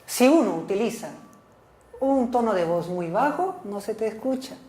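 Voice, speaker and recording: Speaking expressively at a moderate pace, a woman teacher gives a recorded lecture in a dark-toned, medium-pitched voice, with reverberation around her. She often checks understanding with "¿ok?" and "¿sí?", repeating and rephrasing the key points.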